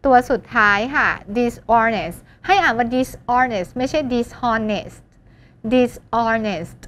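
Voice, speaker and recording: Woman English tutor with a high voice, quick questions to the class. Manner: lively, asks students questions and answers them herself; mixes English words into her talk. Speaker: English teacher. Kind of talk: exam-prep lesson.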